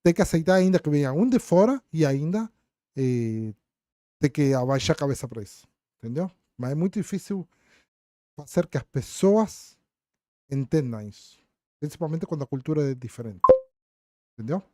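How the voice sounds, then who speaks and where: A man's voice: on the high side, animated, moderate pace, pauses often, mellow, dry recording, clean studio sound. A man with an Argentine accent from La Plata, hosting a casual livestream and bluntly answering viewer questions, dropping in Portuguese words. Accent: Argentine Spanish, La Plata.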